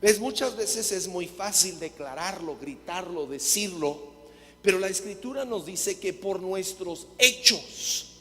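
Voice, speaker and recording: A man preaching a sermon with jokes, often quizzing the congregation with quick questions. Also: sits high, fairly bright tone. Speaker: guest preacher. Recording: long hall reverb.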